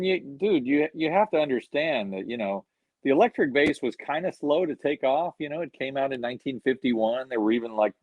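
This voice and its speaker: In a laid-back video-call interview, a man who is a guest musician wanders through anecdotes, saying "you know" again and again. His voice is of medium pitch. The audio is dry and slightly dull lo-fi.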